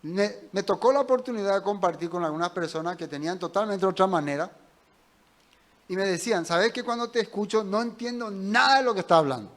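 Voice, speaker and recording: Male pastor, slightly high voice, conversational sermon, rhetorical questions. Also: brisk, fairly bright tone.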